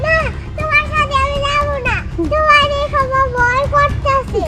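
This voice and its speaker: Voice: extremely high pitch, flat delivery, slow. A performer playing a frightened little village child with a small, thin voice, pleading and crying out. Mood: scared defiance. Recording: distant outdoor recording under loud music.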